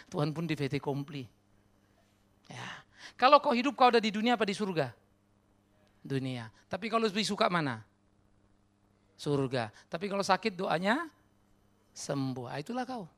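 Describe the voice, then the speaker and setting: A man preaching a sermon as pastor, animated and conversational. He questions the congregation directly and mixes casual slang and English words into his talk. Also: on the high side, normal speed, long pauses. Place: church.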